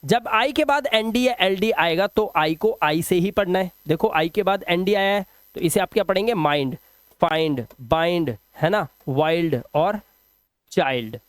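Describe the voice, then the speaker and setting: A man teaching English phonics rules in a video lesson, patiently repeating example words slowly and quizzing the viewer. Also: sits high, clean tone, no room sound, studio quality.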